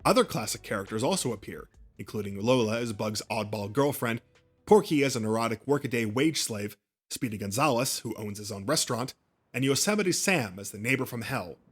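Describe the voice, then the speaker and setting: A man's voice: mid-range voice, expressive, brisk, slightly rough, soft background music. A man narrating a history of a cartoon channel, reading a script with small slips and restarts. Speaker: YouTube narrator.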